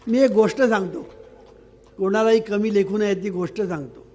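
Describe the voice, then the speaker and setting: A man's voice: sits high, fairly even intonation, moderate pace, dark tone. An older man, a spiritual teacher, giving a sermon-like discourse and telling a parable. He repeats key words and keeps asking whether listeners have understood.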